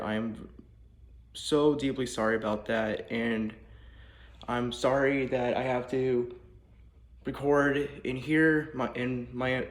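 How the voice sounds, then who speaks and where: A young student at an ordinary middle pitch reads a prepared speech in an earnest, apologetic way. He is recording in a house with the walls torn out. The bare rooms give his voice a strong echo. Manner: earnest, apologetic, reading from a script. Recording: echoey bare room.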